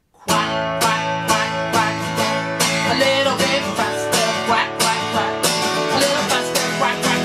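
Seated with an acoustic guitar before a front-facing camera, a young man with a very high-pitched voice runs an interactive children's music class, singing, prompting and cheering the kids on in an upbeat, encouraging way. He is indoors in a small room with guitars on the wall, and guitar accompaniment runs throughout.

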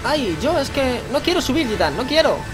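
A gentle young princess from a video game, put on by a man. She speaks slowly in a whiny, pleading way, pitched high. Game music plays behind her. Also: very animated, low-quality recording.

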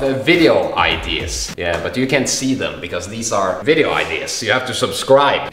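A man from Norway hosting a vlog, giving a mock-luxury house tour of his apartment in a jokey, boastful deadpan with plenty of swearing. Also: on the high side, echoey room. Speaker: vlog host. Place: apartment indoors.

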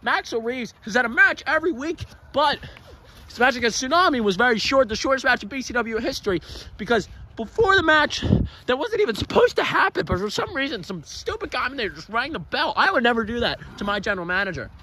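A man giving excited, joking play-by-play commentary on a wrestling match and shouting out the count. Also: extremely high pitch, fast, a little hiss or hum.

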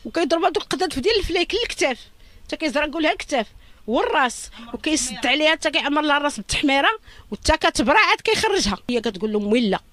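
Rapid, high-voiced Moroccan mother lamenting. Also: a bit bright, no room sound. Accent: Moroccan Arabic. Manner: urgent, lamenting, pleading. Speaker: mother of a victim. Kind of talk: emotional interview testimony.

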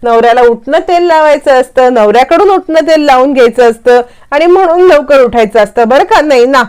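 A woman's voice: high voice, brisk, darkish tone, lightly acted. A woman retelling a TV serial voices a stern old grandfather who scolds and lectures the family. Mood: scolding.

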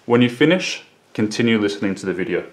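A male teacher giving a recorded English lesson for children, repeating model sentences slowly and carefully. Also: on the low side, animated.

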